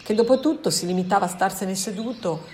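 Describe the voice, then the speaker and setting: Woman audiobook reader, calm and measured, mid pitch, faint birdsong in the background. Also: slight background noise. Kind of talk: audiobook reading of a novel.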